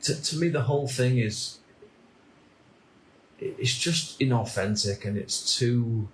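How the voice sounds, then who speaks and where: A man in his thirties from the United Kingdom, talking through a reflective personal monologue in a halting way, often repeating words and restarting sentences. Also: medium pitch, roomy sound, slight background noise, low-quality recording. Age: 30s. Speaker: vlogger.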